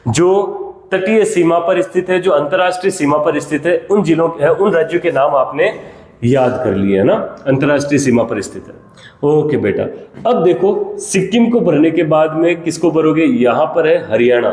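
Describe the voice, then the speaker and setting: A man with a fairly high voice teaches a geography class in Hindi. He fires questions at his students and answers them himself, calling them child. His voice rings with a long reverb in an echoey room. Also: a little mellow. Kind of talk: classroom lesson.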